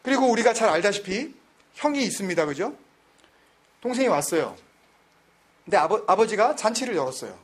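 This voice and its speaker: A man with a high, husky voice leads a Bible study. He talks casually, drops in English words, and keeps quizzing his listeners. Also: big pitch swings, fairly quick, pauses often. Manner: conversational, mixes in English words.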